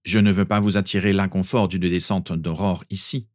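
A man's voice: deep voice, fairly even intonation, normal speed, no room sound, clean studio sound, lightly acted. A man voicing a cold, stern male professor who speaks in a stiff, curt manner.

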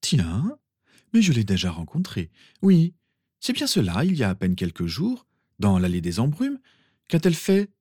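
A man voicing an anxious, insistent young male wizard with a hoarse voice. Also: medium pitch, huge pitch swings, moderate pace, a little mellow, no room sound, studio quality, voice pushed up.

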